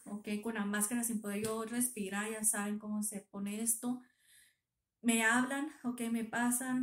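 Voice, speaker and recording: A woman in a casual, emotional vlog, retelling what others said to her line by line. Her voice sits a little high. The room around her gives the sound a noticeable echo. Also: a little mellow. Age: 30s. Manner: emotional retelling, quoting others with constant "me dijo". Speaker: vlogger.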